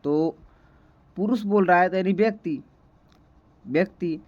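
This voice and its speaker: A man's voice: high-pitched, unhurried, a little mellow, highs cut off. A man from India explaining grammar as a teacher, repeating key terms and checking in often with the viewer. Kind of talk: Hindi grammar lesson.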